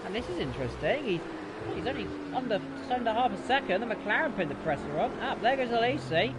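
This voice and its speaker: A man doing live motorsport commentary in an excitable, exclaiming play-by-play manner. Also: sits high, fast talker. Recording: noisy, car engine sound behind.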